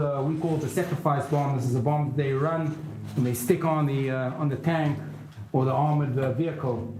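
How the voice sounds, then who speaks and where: A man guiding reporters through an underground tunnel, speaking haltingly with lots of fillers, his voice carrying a cave echo. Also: mid-range voice, dark tone, a little hiss or hum. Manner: halting, many fillers and restarts. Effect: cave echo from inside a narrow tunnel. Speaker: military officer guiding a tunnel tour. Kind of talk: on-site explanation to reporters. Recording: echoey tunnel, music laid over.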